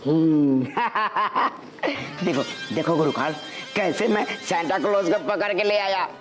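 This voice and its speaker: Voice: mid-range voice, normal speed, natural voice. An actor voicing a bumbling, cheeky cartoon henchman who talks back to his villain boss. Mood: boastful. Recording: cartoon soundtrack with music.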